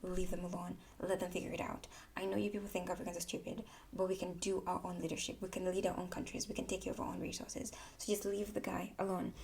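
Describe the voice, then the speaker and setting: A woman from Tanzania talks through her political views in a casual monologue to camera. English is her second language, and she leans on repeated words for emphasis. Her voice sits low with a gravelly texture. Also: little pitch movement, quick pace, hardly any pauses, darkish tone, a little hiss or hum. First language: not English. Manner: candid, repeats words for emphasis, self-correcting. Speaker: political commentary vlogger.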